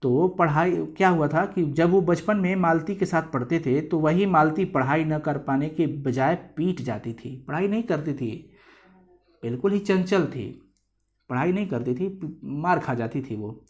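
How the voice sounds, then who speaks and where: Speaking in an unhurried, somewhat mellow voice on the high side, this Indian teacher has a Bihari Hindi accent. He talks his students through a chapter in a chatty way, sprinkling in English words and performing the quoted lines.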